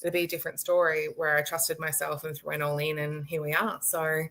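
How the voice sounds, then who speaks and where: A woman's voice: low voice, a little fast. A woman in her late thirties, a live-stream guest, telling a story with lots of laughter and acted-out quotes. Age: late 30s. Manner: animated storyteller, laughing often, acting out quotes. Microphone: video call.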